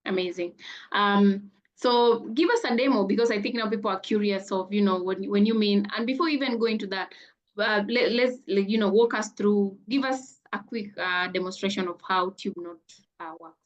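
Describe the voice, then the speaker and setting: A woman's voice: medium pitch, moderate pace, muffled recording. A woman hosting an online interview with a graduate, upbeat and full of praise. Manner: upbeat, effusive praise with frequent "amazing". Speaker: host.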